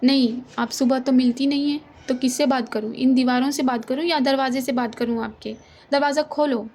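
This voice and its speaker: Woman voicing a young woman, pleading, near tears, high voice, mellow tone, audio story. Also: fairly even intonation, measured pace, slightly rough. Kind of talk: audio drama reading.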